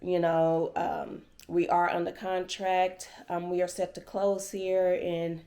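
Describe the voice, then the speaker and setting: A middle-aged woman talks in a folksy, conversational vlog style. Her voice sits a bit low for a woman. Wearing a retainer makes some of her words come out slightly off. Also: little pitch movement, takes it slowly, mellow. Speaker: vlogger and realtor. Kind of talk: casual chatty vlog.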